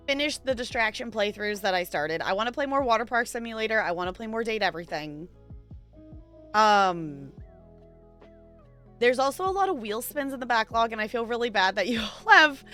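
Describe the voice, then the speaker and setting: A woman game streamer chats with her viewers during a casual livestream, answering their questions while music plays behind her. Her voice is bright, forward and a little high, and she rambles loosely and chattily, poking playful fun at herself.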